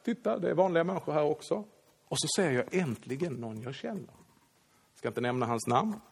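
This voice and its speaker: Man, Swedish pastor, sermon storytelling, lively, acts out quotes, slightly high, gravelly.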